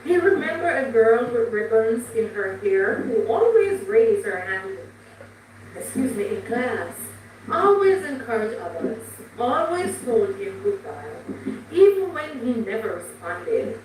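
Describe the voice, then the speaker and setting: Slow, expressive woman storyteller. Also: a little high. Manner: slow, gentle, expressive reading. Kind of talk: reading a short inspirational story aloud. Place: room, live stream. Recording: echoey room, distant mic, faint noise.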